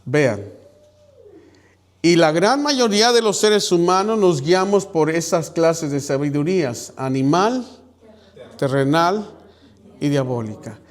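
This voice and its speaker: A man's voice: fairly high pitch, expressive, takes it slowly, pauses often. A man preaching a sermon to a small church congregation, addressing his listeners directly and acting out the voices of people he quotes. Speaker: pastor.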